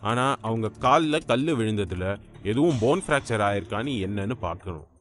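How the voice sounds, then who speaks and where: A man voicing a calm hospital doctor reassuring a worried father, in an audiobook. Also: mid-range voice, brisk, lightly acted. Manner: reassuring, explanatory.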